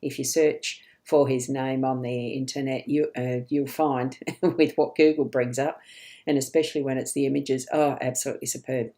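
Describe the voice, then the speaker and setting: A woman's voice: a bass voice, steady tone, normal speed, dark tone. A woman psychic hosting a live card reading, chatty and rambling, laughing often between remarks. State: hiccups.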